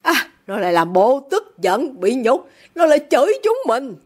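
A woman reads a furious middle-aged father who got rich by shady deals. He shouts insults at his daughter in a high, wildly swinging voice, bullying and contemptuous. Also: sing-song, normal speed. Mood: raging.

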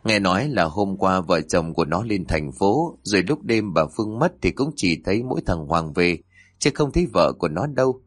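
A man's voice: deep voice, big pitch swings, moderate pace, slightly rough, no echo. A man narrating a horror story in a dramatic storytelling manner, close to the mic.

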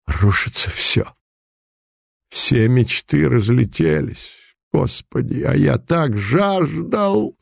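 A man voicing a desperate adventurer posing as a prince, high-strung and pleading, in a dry recording. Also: lively intonation, moderate pace, a little mellow, no echo, close to an everyday voice. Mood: despairing.

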